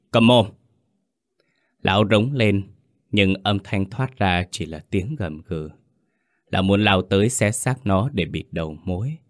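A man narrating a horror story in a slow, dramatic, deliberate scripted manner. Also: low-pitched.

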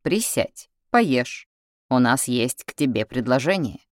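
A man's voice: mid-range voice, animated, slow pace, no echo, clean studio sound. A woman doing a cool, persuasive male leader. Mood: cool, firm. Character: calm, scheming male leader pressing for talks.

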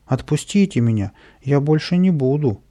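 A man voicing a mischievous small male imp in a children's storybook, shrill and boastful, sliding into whining. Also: animated, normal speed, warm tone, close to an everyday voice. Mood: whiny. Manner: shrill, boastful then whimpering.

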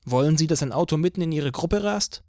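A man's voice: on the high side, expressive, a little fast, warm tone, no room sound, clean studio sound, voice pushed up. A man reading an audiobook, voicing a stern middle-aged police commander in a raised, firm, warning tone. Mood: stern, insistent.

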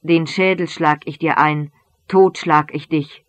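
A reader voicing a brutal father who shouts threats at his son, in an audiobook reading of a novel. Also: mid-range voice, fairly even intonation, a little slow, no room sound, lightly acted. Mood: raging.

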